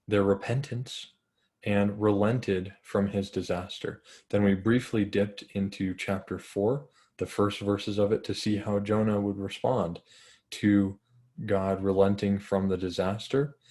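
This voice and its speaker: A man's voice: on the low side, darkish tone. A man teaching a Bible study in an earnest, conversational way, with fillers and restarts.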